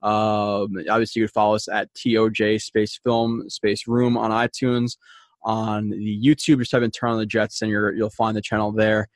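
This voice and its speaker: A man's voice: fairly low pitch, little pitch movement, moderate pace, dry recording, studio quality. A young man hosting a sports podcast in a casual, rambling, informal and mildly salty way. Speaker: podcast host.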